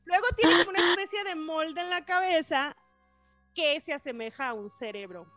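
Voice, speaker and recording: A woman with a Mexican Spanish accent, a podcast guest chatting casually in a lively, animated way. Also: very high-pitched, normal speed, faint music behind. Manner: lively, animated, trails off into quiet musing. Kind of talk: casual chat.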